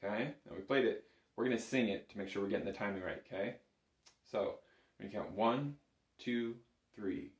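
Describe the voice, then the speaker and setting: A middle-aged man with a lowish voice teaches bagpipes a little fast in a relaxed, explanatory lesson to camera, regularly checking in with "right?". The phone recording, made a short distance away in a small room with instruments on the walls, has a roomy echo.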